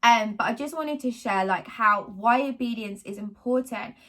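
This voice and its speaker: A woman, talking casually to camera about her faith in a rambling, animated way. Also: fairly high pitch, normal speed. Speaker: vlogger sharing faith testimony.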